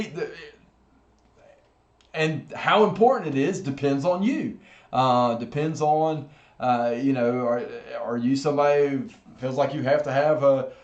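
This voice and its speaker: A man's voice: mid-range voice, lo-fi sound. A man teaching a church group in a casual, rambling way, full of fillers, restarts and self-deprecating asides. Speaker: pastor. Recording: echoey room.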